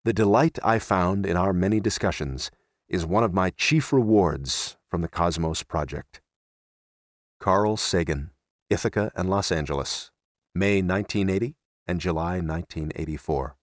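A man reading a book's front matter aloud in a measured, formal, scripted delivery. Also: low voice, no room sound, studio quality.

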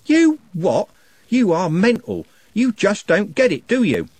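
Guy doing a screaming young street kid, high and husky, totally losing it. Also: wildly swooping pitch, takes it slowly, no echo, exaggerated voice. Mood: furious. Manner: shouting, ranting in outrage. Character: furious young man, slick street lad.

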